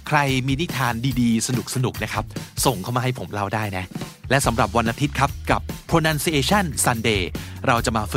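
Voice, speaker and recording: A man hosting a podcast vocabulary lesson, explaining words patiently and spelling them out letter by letter. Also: mid-range voice. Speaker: podcast host teaching English vocabulary.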